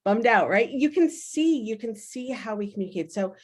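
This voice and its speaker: A woman facilitating a workshop over a video call, energetic, often checking in with "right?". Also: a little high, normal speed. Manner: energetic, frequently asks "right?".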